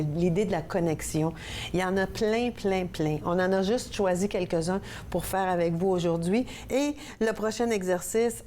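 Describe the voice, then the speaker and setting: A woman's voice: medium pitch, dark tone, slight background noise. A woman from Quebec with a Québécois accent hosting a laughter yoga TV show, bubbly and laughing often as she leads exercises. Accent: Québécois French. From Quebec, Canada. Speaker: laughter yoga instructor and host. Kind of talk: upbeat on-air instruction with laughter exercises.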